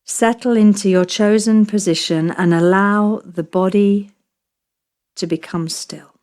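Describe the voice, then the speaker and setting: A woman teaching yoga nidra leads a guided relaxation meditation, soothing and measured, with long pauses between short phrases. Her voice is medium-pitched, a little mellow, with fairly even intonation.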